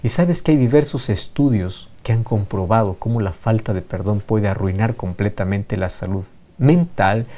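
A man's voice: on the low side, normal speed, mellow. A man preaching a sermon, emphatic and fond of repeating phrases for effect.

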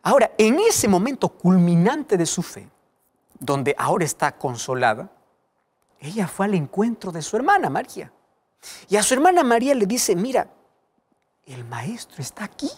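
A man preaching a sermon, swinging between loud exclamations and hushed, whispered lines. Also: high-pitched, very animated, moderate pace.

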